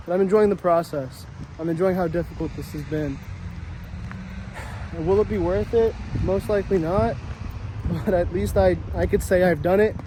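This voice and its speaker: Young male vlogger, winded, chatty and easily impressed, slightly high voice, recorded outdoors with light traffic noise. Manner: chatty, easily amazed, self-joking. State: out of breath from walking. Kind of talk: casual walk-and-talk vlog. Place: outdoors on a trail and city streets.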